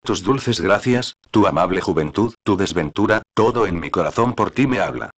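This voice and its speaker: A man reading the part of a cruel, scheming nobleman in a play, in slow, solemn verse. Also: sits low, expressive. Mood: menacing.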